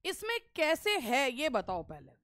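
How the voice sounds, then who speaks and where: A woman English teacher running a live online exam-prep class, reading lines slowly and deliberately and playfully scolding her students. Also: high-pitched, wildly swooping pitch, a bit bright, no room sound, clean studio sound.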